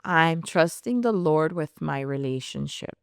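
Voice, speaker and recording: A woman's voice: low voice, lively intonation, unhurried, clear, resonant tone, no echo, studio quality. A woman telling her personal faith testimony in an earnest, storytelling way, often saying "like". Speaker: podcast guest sharing testimony.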